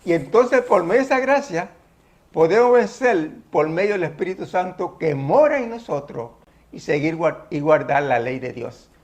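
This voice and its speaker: A man teaching a Bible study lesson, explaining terms step by step in a deliberate way. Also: a little high, expressive, a little mellow.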